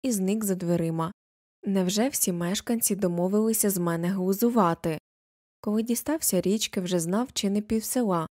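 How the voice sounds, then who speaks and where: A woman reading a novel aloud as an audiobook narrator, in an even storytelling manner. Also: mid-range voice, moderate pace, dry recording, studio quality.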